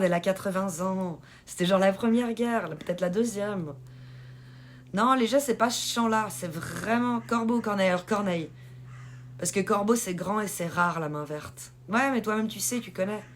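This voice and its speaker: A woman hosts a casual live stream, chatting and laughing with her viewers. Her talk is loose and friendly, and she reacts to the chat as she goes. A faint noise sits behind her voice. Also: medium pitch. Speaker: livestream host.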